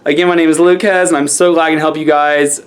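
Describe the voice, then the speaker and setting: A man's voice: a little high, level tone, fast talker, slight background noise. A man talking casually to camera as a spiritual vlogger, chatty with laughing, snarky asides.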